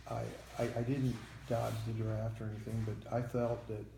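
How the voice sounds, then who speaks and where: An older American man, a veteran in an interview, remembering his army days in a halting, plain-spoken way. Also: on the low side, little pitch movement, creaky, mellow. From United States. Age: 70s or older. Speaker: Vietnam-era army veteran being interviewed. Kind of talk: veteran interview, recalling memories. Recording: echoey room, faint background noise.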